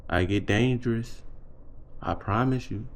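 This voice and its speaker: A nineteen-year-old man rambling casually to camera in slangy speech, sometimes dropping into a deep voice and rhyming. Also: a little slow. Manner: slangy, drifts into a deep put-on voice and freestyle rhymes. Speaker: vlogger.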